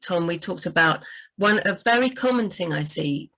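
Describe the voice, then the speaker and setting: Chatty woman with a lowish voice. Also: lively intonation, normal speed, bright, forceful tone, poor audio. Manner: chatty, frequent "you know" and restarts. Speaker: book editor and writing coach. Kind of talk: casual livestream chat.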